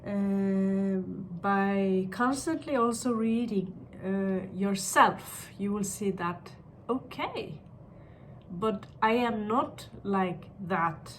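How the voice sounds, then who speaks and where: Woman doing a fortune teller tarot reading, talks slow w lots of pauses, some noise behind her. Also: medium pitch. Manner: fortune-teller way of pronouncing on what the cards show; halting, pausing between short phrases. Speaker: tarot card reader. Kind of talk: unscripted tarot and astrology reading.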